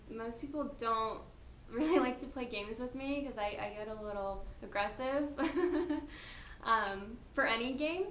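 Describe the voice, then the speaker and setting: A young woman in her twenties chats through a casting interview, laughing easily and sounding a touch nervous. Her voice is bright and sits a little high. The room is echoey, with a faint hum behind her. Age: 20s. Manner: giggly, chatty, slightly nervous. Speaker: reality show applicant.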